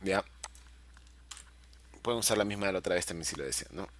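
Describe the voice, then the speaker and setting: A man's voice: sits low, brisk, fairly bright tone, slight background noise. A middle-aged man teaching a video-editing class, patiently explaining each step and checking in often with his students. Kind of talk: screen-recorded software tutorial.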